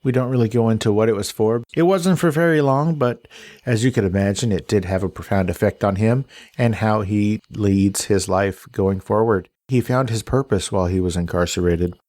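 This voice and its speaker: A man's voice: fairly low pitch, a little mellow, no room sound. Joking male podcast host from Texas. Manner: joking, teasing, fast questions. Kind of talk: casual interview with jokes.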